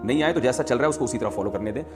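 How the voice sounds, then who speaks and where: Man explaining a religious ruling over music. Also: medium pitch. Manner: explanatory, measured, with many "aa" fillers. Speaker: Islamic scholar answering questions. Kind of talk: religious question-and-answer talk. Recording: music playing under the voice.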